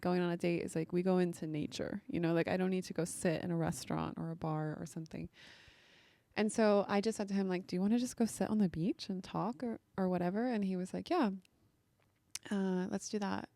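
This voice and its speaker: A young woman recounts her evening in a relaxed, rambling vlog style, leaning on "like" as she talks. Her voice is mellow with a gravelly fry. It is recorded close and dry. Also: mid-range voice, dry recording. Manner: chatty, lots of "like" fillers. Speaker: vlogger. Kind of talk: casual storytelling.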